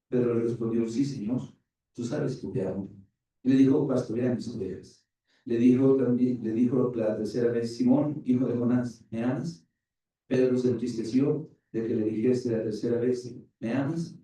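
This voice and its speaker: Man, pastor, sermon, mellow voice, very echoey hall, distant mic. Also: medium pitch. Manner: retells scripture in lively acted-out dialogue. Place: church.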